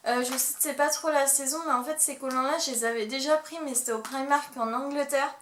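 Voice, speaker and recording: A young woman talks through her shopping haul in a chatty, casual way, her voice set high and bright. She pauses often with fillers and restarts her sentences. The room echoes around her, with a faint hiss behind. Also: steady tone. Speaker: beauty vlogger.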